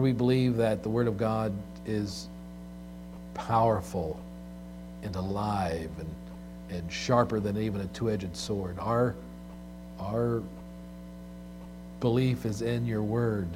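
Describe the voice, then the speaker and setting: A man preaching as a pastor at a pulpit microphone, speaking in a measured, deliberate way with pauses. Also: on the low side. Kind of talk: sermon with scripture reading and prayer. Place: church service, speaking from the pulpit. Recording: clear background mains hum.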